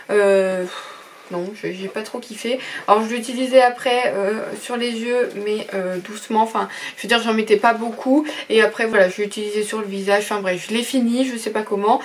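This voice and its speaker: A woman's voice: on the high side, slight background noise. A woman reviewing beauty products in a casual vlog, rambling and frank with many fillers and slangy asides. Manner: rambling, full of "euh" and "voilà" fillers. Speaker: beauty vlogger.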